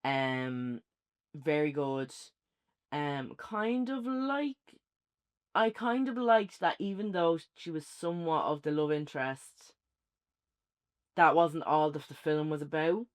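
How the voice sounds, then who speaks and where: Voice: medium pitch, lively intonation, slow, smooth. Hesitant Irish-accented film reviewer. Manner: hesitant, musing, lots of fillers. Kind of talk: casual review chat.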